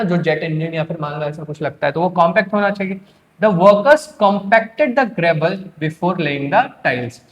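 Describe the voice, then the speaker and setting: A man teaching English for an exam, quizzing students with repeated questions. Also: high voice. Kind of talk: exam-prep lecture.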